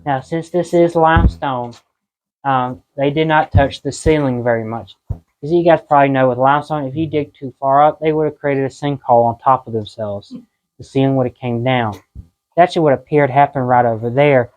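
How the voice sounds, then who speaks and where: A man's voice: mid-range voice, moderate pace, a little mellow, low-quality recording. Folksy man guiding a cave tour. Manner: folksy, conversational. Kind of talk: informal guided-tour talk. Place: inside a limestone cave.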